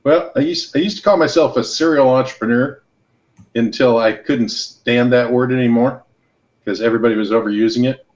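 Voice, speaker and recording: A male entrepreneur from Los Angeles and Hawaii guests on a podcast, speaking at medium pitch and a brisk pace. Relaxed and laid-back, he tells stories and gives advice in casual conversation, with slightly muffled lo-fi sound.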